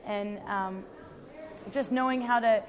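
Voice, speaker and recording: Earnest young woman athlete, slightly high voice. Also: fairly even intonation, slow, crowd noise. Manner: earnest, with frequent ums and restarts. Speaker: CrossFit athlete. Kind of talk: reflective interview answers.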